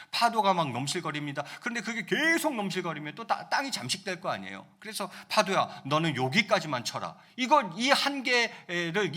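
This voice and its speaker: A man's voice: fairly high pitch, bright, forceful tone. A male pastor giving a conversational sermon, often asking the congregation rhetorical questions.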